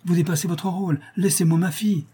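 A man's voice: on the high side, moderate pace, warm tone, husky. A man doing a stern old nobleman father. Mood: stern, coaxing. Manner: coaxing and commanding.

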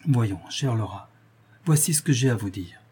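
A man's voice: mid-range voice, expressive, moderate pace, warm tone, slightly rough. A man reading the part of a stern, pompous old nobleman ordering his daughter home, coaxing and commanding by turns.

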